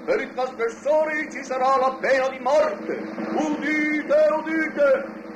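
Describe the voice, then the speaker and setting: A proclaiming royal herald. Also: male voice, very high voice, fairly even intonation, slow, echoey room, noisy background. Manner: proclaiming, formal. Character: royal herald reading a decree.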